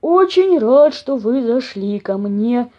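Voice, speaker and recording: A woman voicing a huge, slow, half-deaf old papa bear who talks in a booming, puzzled way. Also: animated, warm tone. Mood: mild. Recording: dull lo-fi audio.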